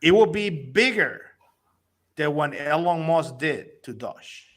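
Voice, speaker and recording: A man's voice: a little high, lively intonation, takes it slowly, a bit bright. A man from Honduras, an investor and company executive, talking eagerly and persuasively in a casual interview, often restarting his sentences.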